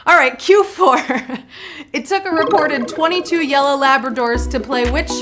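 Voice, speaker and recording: A woman's voice: sits high, a little slow. A woman hosting a live trivia game show, bubbly and jokey, cracking puns and talking to the players in the chat. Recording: faint music behind.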